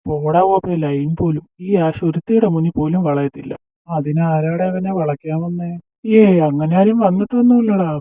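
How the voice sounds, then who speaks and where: A man's voice: a little high, mellow, no echo, lightly acted, low-quality recording. A young man voicing a teasing male college senior who banters and mock-scolds his friends in an amateur dubbed romance drama. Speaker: fan dub voice actor.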